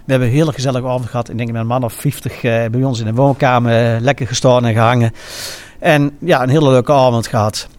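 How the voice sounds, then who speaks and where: A man with a regional eastern Dutch accent reminiscing informally, speaking in a halting way and often pausing mid-sentence. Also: mid-range voice, steady tone, darkish tone. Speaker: former carnival prince and innkeeper recounting his carnival.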